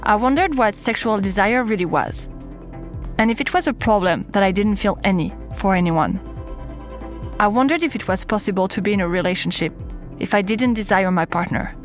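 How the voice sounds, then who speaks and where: امرأة فرنسية في الثلاثينات تروي قصتها الشخصية في بودكاست بنبرة صريحة وهادئة، بلكنة فرنسية. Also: female voice, medium pitch, moderate pace, faint music behind. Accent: French. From France. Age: 30s. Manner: intimate, candid storytelling. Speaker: podcast host. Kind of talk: scripted personal narration.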